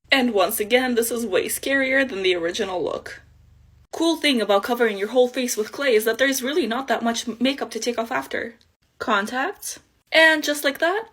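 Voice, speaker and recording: A woman makeup vlogger chatting casually and playfully, with excited exclamations. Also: a little high, normal speed, slightly rough. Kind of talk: casual chat.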